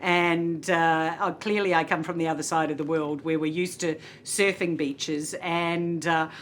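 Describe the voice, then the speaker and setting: A middle-aged woman with a New Zealand accent, a hotel executive chatting in an interview, laughing often and filling pauses with many uhs. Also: low-pitched, steady tone, slight background noise. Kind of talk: casual interview chat.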